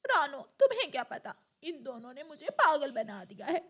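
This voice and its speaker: A fed-up bird mother in a cartoon complains in a frazzled, near-tearful way. Her voice sits very high and swings widely. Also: wildly swooping pitch, moderate pace, a bit bright, full character voice. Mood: exasperated.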